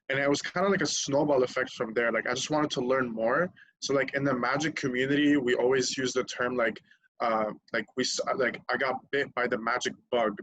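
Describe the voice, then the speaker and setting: A man's voice: medium pitch, a bit bright, slight background noise, rough recording. A young man from Lebanon, a podcast guest telling his story candidly in casual chat, swearing freely and laughing at himself.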